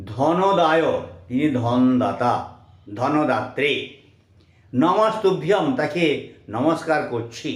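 Slow-chanting teacher, roomy echo. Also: male voice, on the high side. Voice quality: slow drawn-out chanting alternating with quick explanation. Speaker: teacher explaining Sanskrit mantras. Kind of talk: chanting mantras slowly, then explaining.

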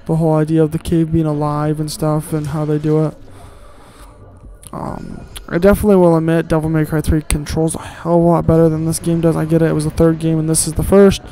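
A man's voice: on the high side, completely flat delivery, fairly quick, warm tone, rough recording. A man giving casual, grumbling let's-play commentary while he plays, with sarcastic asides and casual swearing.

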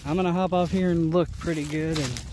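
An outdoor vlogger with a higher-pitched male voice talks fairly quickly in a steady tone, rambling and thinking aloud in a folksy way as he walks through leafy winter woods. He records handheld from behind a camera or phone, and the audio picks up outdoor noise.

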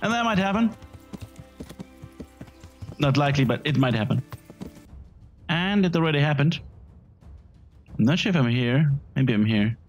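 A man's voice: a little high, expressive, moderate pace, pauses often, highs cut off, soft background music. A man hosting a let's-play, giving casual, crude running commentary full of swearing and jokes. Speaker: gaming channel host.

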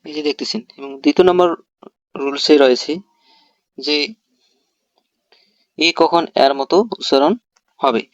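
In this pronunciation lesson, a male English teacher lays out rules one step at a time, posing questions and then answering them himself. He speaks unhurriedly in a slightly high voice, pausing often. The audio is dry, with the highs cut off.

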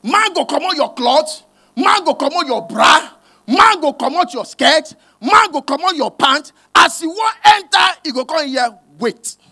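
A man with a Nigerian accent doing stand-up comedy in Pidgin and English on a cinema stage. He talks loud and punchy, shouts his punchlines and slips into the voices of the people in his stories. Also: extremely high pitch, animated, unhurried, no echo. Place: cinema hall stage with a live audience. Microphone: handheld mic. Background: audience laughter.

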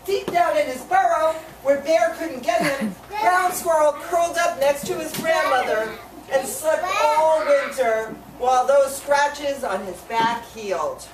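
A woman reads a storybook aloud to children in an expressive, fairly high voice, stopping to ask her listeners questions. She is heard from a distance in an echoey room, with steady noise behind her. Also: measured pace, a crowd in the background. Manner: expressive, asks the audience questions. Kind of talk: reading a picture book aloud to children.

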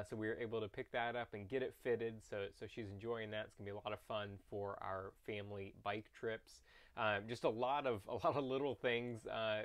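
A man in his thirties talks casually and earnestly to camera as a vlog host, recorded inside a small camper trailer a little way from the mic. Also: fairly low pitch.

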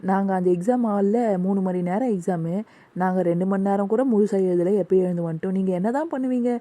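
A dark, mellow cartoon voice that talks fast, as a woman acts out a boy. He is a cheeky schoolboy, forever needling and mocking his classmates. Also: medium pitch, no echo, lightly acted. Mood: teasing. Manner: teasing, mocking. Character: joking teenage schoolboy. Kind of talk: cartoon voice acting.

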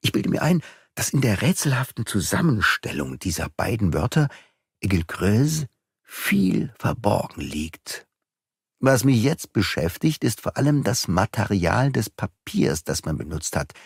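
An earnest, thoughtful young sleuth from an audiobook, voiced by a male reader. His questions rise in lively swings of pitch. The sound is close and dry. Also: unhurried, vocal fry, husky, dry recording, full character voice. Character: young, clever male amateur detective, earnest.

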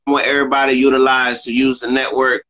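A man's voice: mid-range voice, level tone, quick pace, bright, forceful tone, rough recording. A man hosting a casual livestream podcast, talking in a hyped-up way, repeating himself and stumbling over words. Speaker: podcast host. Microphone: phone camera.

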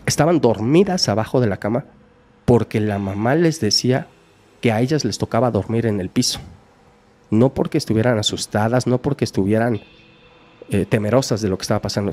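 A man's voice: on the low side, darkish tone. A man with a Mexican accent, a podcast guest, earnestly telling a true crime case in casual talk and acting out the people in it. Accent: Mexican Spanish. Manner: earnest, acts out quoted voices in the story.

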